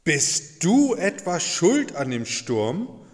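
Anxious sailors, reproachful, slow, church reverb; a man voices them. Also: on the high side, huge pitch swings, voice pushed up, heavily acted. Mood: worried. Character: worried sailors on the ship, adult men.

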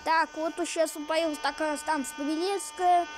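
A woman giving casual, rambling game commentary in halting, repetitive phrases. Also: high-pitched, fairly even intonation. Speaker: gamer commentating. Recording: loud noise from train game. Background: train game sounds.

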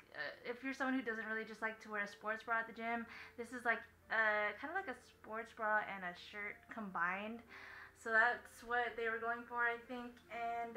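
A woman's voice: a little high, sharp tone, low-quality recording. A young woman chatting casually through a clothing haul video, rambling and full of filler words. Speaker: vlogger.

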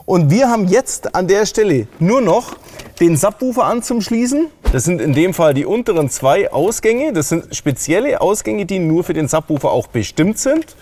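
A middle-aged man with a high, darkish voice walks through a car audio installation step by step in a workshop, speaking casually and plainly as he works. His pitch swings widely at a normal speed, and a faint hiss or hum sits under the recording. It's a hands-on installation tutorial.

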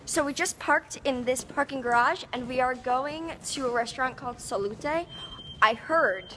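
A late-teen vlogger with a high voice chats casually and bubbly to a handheld camera at a moderate pace, giggling often and saying "like" a lot. She's outdoors in cold weather and in a car, with background noise.

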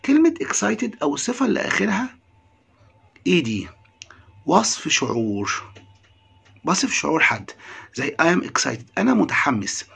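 Egyptian male English teacher, gravelly and husky, lively pitch, repeats each word. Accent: Egyptian Arabic. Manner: drills words slowly with repetition, then translates. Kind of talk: classroom lesson.

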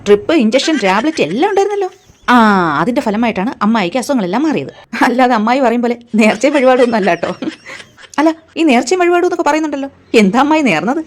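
A woman's voice: a little high, big pitch swings, very fast. An actress playing a sensible, outspoken young mother who argues in an exasperated way. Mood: reasoning. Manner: argumentative, exasperated. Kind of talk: short film acting.

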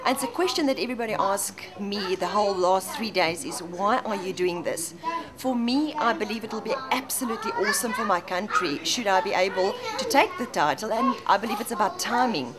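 A woman, a pageant contestant, giving an effusive, enthusiastic backstage interview. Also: mid-range voice. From South Africa.

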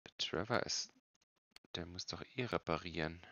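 Casting: male streamer, thirties, low and gravelly, casual muttered play-by-play, slightly muffled close mic. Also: normal speed, bright, forceful tone. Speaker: game streamer. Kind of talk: casual game commentary.

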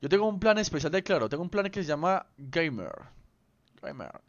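A man's voice: a little high, big pitch swings, a little fast, dry recording. A young man chatting casually with viewers on a game livestream, playful and rambling, full of slang. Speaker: streamer. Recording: slightly dull lo-fi stream audio.

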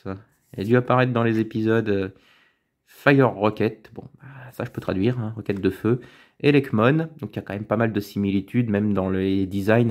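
Low-voiced man opening card packs. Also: darkish tone. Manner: chatty, reads card names slowly, mutters asides. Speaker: card-opening video host. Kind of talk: casual pack-opening commentary.

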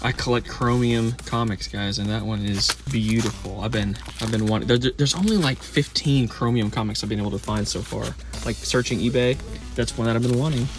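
A man in his thirties hosting a casual vlog, excited and chatty while browsing an indoor flea market. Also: medium pitch, fairly quick, over music. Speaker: host.

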